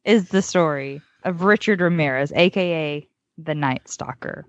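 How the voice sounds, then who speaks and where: A woman's voice: sits low, measured pace, a little hiss or hum. A woman co-hosting a podcast, telling a true-crime story from notes in an informal, conversational way. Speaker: podcast co-host. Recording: dull lo-fi dry close audio.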